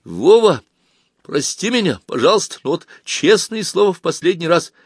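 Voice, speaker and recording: A man's voice: high-pitched, sing-song, normal speed, husky, dry recording, clean studio sound, voice pushed up, full character voice. A man reading a story aloud, voicing a timid, chubby schoolboy make-up artist who mumbles and pleads. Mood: apologetic.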